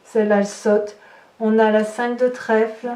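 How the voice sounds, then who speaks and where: A woman with a fairly high voice reads tarot cards aloud, thinking aloud and exclaiming as each card turns. She sounds a little distant from the mic in an echoey room, with a faint hiss behind her. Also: flat delivery, moderate pace. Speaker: tarot reader. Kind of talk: tarot card reading to viewers. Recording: roomy echo, voice somewhat far from the mic, faint noise.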